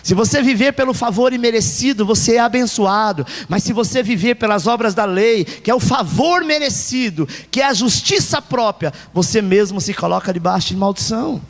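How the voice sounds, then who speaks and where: A male pastor with a Brazilian Portuguese accent preaches emphatically in a church hall, repeating key phrases. His high voice has lively intonation, at normal speed with hardly any pauses. Long church hall reverb fills the recording.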